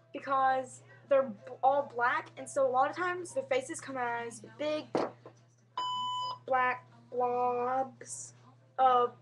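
Young woman, high voice, webcam vlog, rambling and earnest, lots of restarts. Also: a bit bright. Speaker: vlogger. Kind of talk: casual webcam monologue. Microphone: webcam mic.

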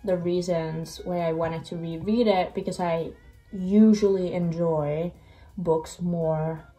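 Speaking slowly with a fairly low pitch, a young woman who grew up speaking Finnish runs a casual reading vlog, faint music playing behind her. She's slightly sick, which drops her voice below its usual register, but she remains chatty, lively and self-deprecating, filmed by webcam in a small room.

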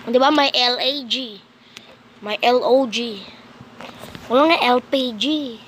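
Playful high-voiced woman gaming. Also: slow pace. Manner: playful, teasing, bursts of shouting and laughter. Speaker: gaming vlogger. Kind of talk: casual mobile game commentary. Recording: noisy background.

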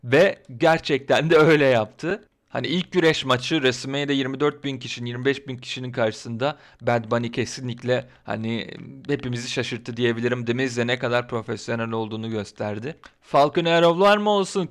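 A man giving his casual opinions in a vlog, talking in an excitable, ranting, colloquial way. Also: medium pitch, a little fast. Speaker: wrestling commentary vlogger.

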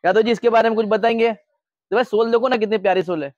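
Fast-talking high-voiced shopkeeper man. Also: steady tone, a little mellow, no echo, muffled recording. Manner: fast, joking salesman talk. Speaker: shop owner showing shoes. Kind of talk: lively sales pitch. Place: indoor shoe shop.

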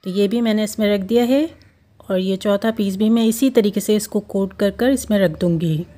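A woman hosting a home cooking video, explaining each step of a recipe in a steady, instructive way. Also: medium pitch, normal speed. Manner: steady, instructive, repeats steps. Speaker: cooking show host. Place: home kitchen.

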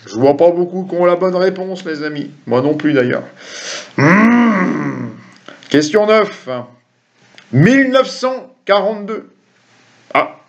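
A middle-aged man hosts a quiz to camera in a high, expressive voice, speaking slowly and pausing often between jokey, chatty remarks to viewers as he reads the questions. He sits in a small home room with a webcam or desk computer mic, and the audio is dull and lo-fi.

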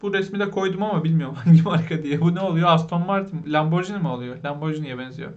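A man teaching basic English vocabulary, explaining patiently, asking learners questions and pronouncing words slowly. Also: a little high, highs cut off. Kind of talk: vocabulary lesson.

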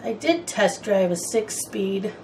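A woman's voice: mid-range voice, expressive, slow, dark tone, slight background noise, low-quality recording. A woman chatting in a rambling, casual way while she colors, wandering from one topic to the next. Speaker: coloring channel host.

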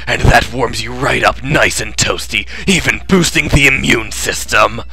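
A man voicing an eager, easily flustered young student adventurer from a video game, in an expressive, dramatic and casual way. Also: mid-range voice, unhurried, husky, heavily acted. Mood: quiet, earnest. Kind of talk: acted video game dialogue reading.

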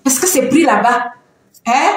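Animated woman chatting live in an echoey room. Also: high voice, a little slow. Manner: animated, teasing, laughs often. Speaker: live-stream host. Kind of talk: casual live-stream chat. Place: at home. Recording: very echoey room, faint background noise.

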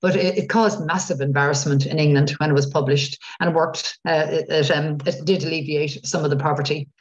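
A woman's voice: low voice, steady tone, brisk. A middle-aged Irish woman gives an informal guided-tour talk, chatty and rambling with hesitations, over a video call. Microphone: computer mic on video call. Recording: muffled video-call audio.

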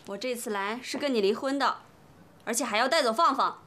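A woman's voice: on the high side, fairly quick, bright, forceful tone. An actress playing a young mother who firmly and defiantly demands a divorce and her son. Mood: resolute. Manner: firm and defiant. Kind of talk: TV drama acting.

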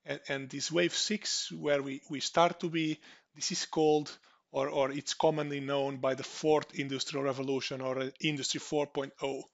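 A man's voice: on the high side, flat delivery, normal speed, vocal fry, muffled recording. A man from Portugal with a Portuguese accent, giving an online conference presentation with frequent restarts and fillers. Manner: hesitant, many restarts and fillers. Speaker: conference speaker.

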